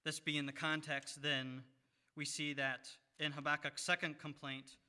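A man preaching a sermon, reading scripture in a measured way with pauses. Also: fairly high pitch, flat delivery, pushed and bright.

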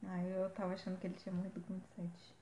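A woman's voice: fairly low pitch, monotone, racing, warm tone, reverberant, slight background noise. A young woman co-hosting a podcast, chatting casually and reading out facts. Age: young adult. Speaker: podcast co-host. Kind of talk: casual chat.

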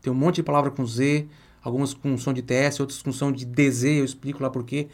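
A Brazilian man with a Brazilian Portuguese accent teaching an online Italian lesson, drilling words slowly and asking viewers to repeat aloud. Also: mid-range voice, flat delivery. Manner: chatty, addresses viewer directly.

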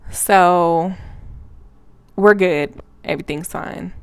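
A woman in her twenties with a lowish voice, telling a story casually, full of swearing and wry laughs. The sound is close and dry, with no room around her. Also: slow, clear, resonant tone, no room sound. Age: 20s. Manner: blunt, profane, laughing storyteller.

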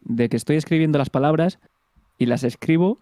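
A man's voice: fairly high pitch, a little fast, warm tone, dry recording, studio quality. A man with a Castilian Spanish accent co-hosting a show in casual chat, colloquial and sweary, often repeating himself insistently. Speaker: co-host of a film talk show.

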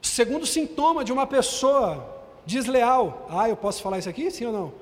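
A man's voice: very high-pitched, expressive, moderate pace. A man with a Brazilian Portuguese accent preaching a sermon as bishop, emphatic and firing rhetorical questions at the congregation. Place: church hall. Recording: long reverb of a large hall.

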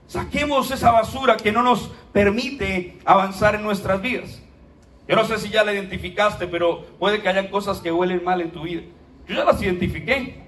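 High-voiced pastor preaching. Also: male voice, normal speed, far from the mic. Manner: animated storytelling with humor. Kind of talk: sermon. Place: church hall.

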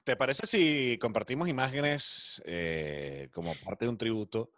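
Animated male sports talk host. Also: medium pitch, unhurried, dry recording, clean studio sound. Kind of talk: conversational sports show presenting.

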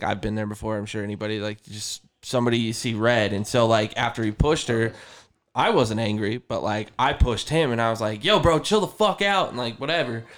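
A man's voice: medium pitch, clean tone. Profane rambling male storyteller. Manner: voices other people in quoted asides. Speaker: podcast co-host telling a story. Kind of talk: casual podcast storytelling.

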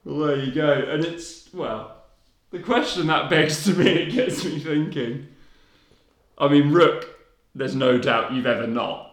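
A young man from England on a podcast, telling stories in a relaxed way with casual swearing. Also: on the high side, measured pace. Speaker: podcast co-host. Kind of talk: casual chat. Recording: roomy echo.

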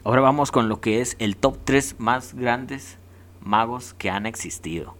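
A man's voice: medium pitch, measured pace, a bit bright. A man with a Mexican accent hosting a casual countdown vlog, rowdy and jokey with heavy slang. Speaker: host.

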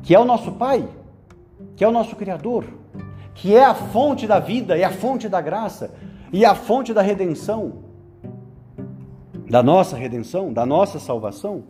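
High-pitched man giving a chatty meditation. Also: animated, normal speed, long pauses, mellow, faint music behind. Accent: Brazilian Portuguese. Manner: conversational, frequent "né?" tags, playful asides. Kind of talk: spoken meditation for young men.

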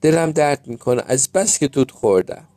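A man voicing a small, kind, lively sparrow parent in a storybook tale, quick, high and eager. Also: no echo. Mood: affectionate.

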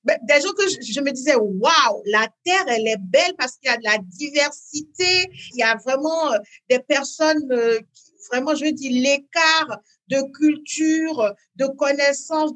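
A woman, talking as an interview guest in a hesitant way, with many fillers and repeats, then bursts of lively emphasis. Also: sits high, measured pace. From Benin. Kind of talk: conversational interview.

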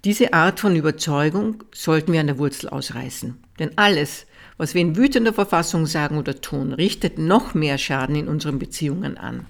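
A calm reader giving a measured audiobook reading of a Buddhist teaching text, softening at key sentences. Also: mid-range voice, vocal fry.

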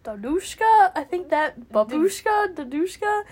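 A woman's voice: very high voice, sing-song, unhurried, darkish tone. A teenage girl co-hosting a podcast, chatting casually in a giggly, rambling and self-mocking way. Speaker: podcast co-host. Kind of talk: casual chat.

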